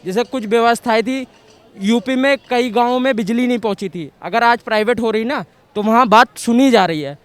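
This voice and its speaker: A man's voice: very high voice, smooth. A man from Uttar Pradesh giving blunt, emphatic opinions to a street reporter outdoors in a city. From Uttar Pradesh, India. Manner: emphatic, blunt, repeats points forcefully. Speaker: passerby interviewed on the street. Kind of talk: street vox-pop opinion.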